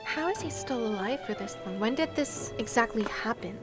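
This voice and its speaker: A young streamer chats casually with her viewers during a game, her voice on the high side with lively intonation at a moderate pace. She's playful, exclaims a lot and giggles, while game music runs behind her voice.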